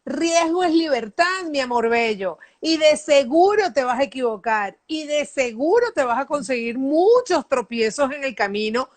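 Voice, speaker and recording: Give me a high-voiced woman hosting a motivational chat in an emphatic tone. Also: lively intonation, moderate pace, few pauses. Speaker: host. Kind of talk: motivational talk show chat. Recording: loud background noise.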